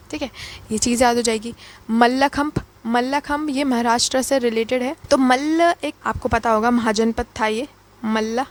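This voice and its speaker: A woman teaching an exam-prep lecture with a voice that sits a little high. She is playful and repetitive, firing off questions and answering them herself as she builds memory tricks. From Uttar Pradesh. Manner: playful, repeats key words, asks and answers her own questions.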